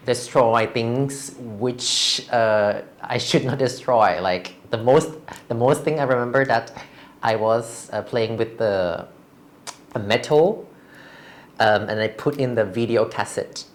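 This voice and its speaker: Slow, halting woman from Thailand. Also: very deep voice. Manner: hesitant, halting, frequent restarts. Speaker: interview guest. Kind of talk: candid personal interview.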